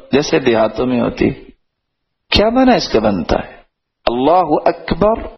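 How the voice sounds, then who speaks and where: A man delivers a sermon on reciting the Quran correctly. He presses his points with emphatic rhetorical questions and draws out Arabic verses in a slow chant. His voice is husky and the recording is dull and lo-fi. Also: mid-range voice. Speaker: Islamic preacher.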